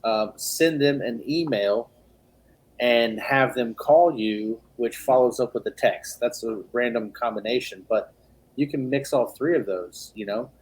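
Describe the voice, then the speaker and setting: A man chatting casually on a podcast as a business owner, relaxed, acting out sales calls in quick asides. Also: medium pitch, husky, poor audio.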